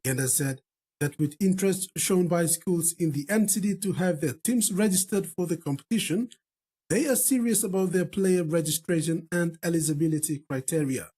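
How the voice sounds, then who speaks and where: A man reading the evening news in a measured, formal way. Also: on the high side, dark tone, breathy edge. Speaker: news presenter.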